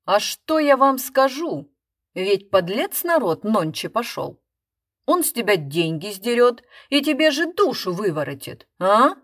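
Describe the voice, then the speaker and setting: A woman voicing a rowdy drunk man in a crowd, loud and blustering. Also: a little high, very animated, unhurried, no room sound, studio quality, heavily acted. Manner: loud, blustering, rabble-rousing.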